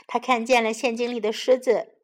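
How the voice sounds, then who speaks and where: A woman teacher narrating a children's story in a slow, gentle storytelling manner. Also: on the high side, flat delivery.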